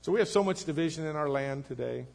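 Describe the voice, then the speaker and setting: A man preaching a sermon as pastor, earnest, swinging between emphatic lines and low, quiet ones. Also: lively intonation, quick pace, vocal fry. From United States.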